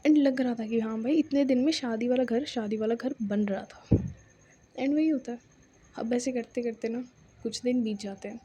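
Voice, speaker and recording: A woman's voice: fairly high pitch, moderate pace, mellow, slightly rough. A woman telling a romance story in a chatty, casual way, full of informal fillers. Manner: chatty, filler-heavy, addresses listeners informally.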